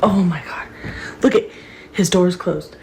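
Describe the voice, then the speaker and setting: A mother films her dark house at night on a phone, panicked and breathless, whispering at times. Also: on the low side, a little slow, background noise. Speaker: mother filming at home. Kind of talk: frightened home video recording. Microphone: phone camera in hand. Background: music.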